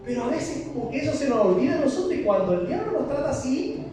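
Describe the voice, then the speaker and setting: A man's voice: very high-pitched, very animated, fast talker, warm tone, soft background music. A man preaching a passionate sermon, asking the congregation rhetorical questions. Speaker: pastor. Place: church hall. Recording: echoey hall from far off with noise.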